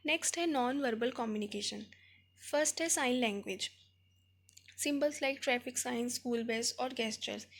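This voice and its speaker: A woman with an Indian accent teaching an exam revision lecture, explaining in Hindi mixed with English terms and reading headings out slowly. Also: on the high side.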